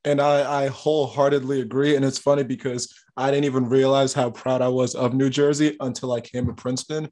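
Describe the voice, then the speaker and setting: A man's voice: mid-range voice, level tone, a little fast, few pauses, darkish tone. A young man, a college student, asking interview questions in a friendly, eager way. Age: young adult.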